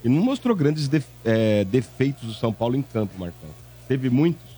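A man's voice: mid-range voice, very animated, a little fast, dark tone, breathy edge. A Brazilian man chatting as a panelist on a sports radio show. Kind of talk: sports talk banter.

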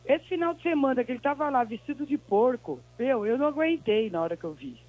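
A feisty, blunt woman with a smoker's rasp, bantering casually as a caller to a sports radio show. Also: sits high, expressive, quick pace, darkish tone, rough recording.

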